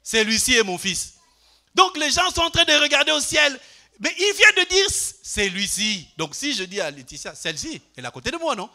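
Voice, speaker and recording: Older male pastor, high bright voice, lively Bible study sermon to his church. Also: fairly quick. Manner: animated, asks the congregation questions, swings from loud to quiet.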